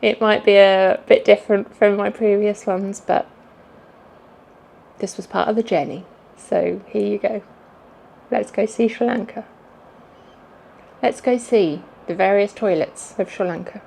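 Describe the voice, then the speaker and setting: A woman's voice: mid-range voice, fairly even intonation, a little slow, vocal fry, pauses often, a little mellow, a little hiss or hum. A woman travel vlogger chatting casually to camera in a jokey, self-deprecating way.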